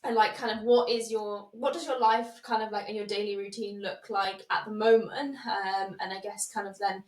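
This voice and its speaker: A woman's voice: medium pitch, steady tone, normal speed. Woman host asking questions from a roomy distance. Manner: hesitant, many fillers. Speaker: podcast co-host. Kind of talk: casual podcast interviewing. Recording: echoey room, off-mic.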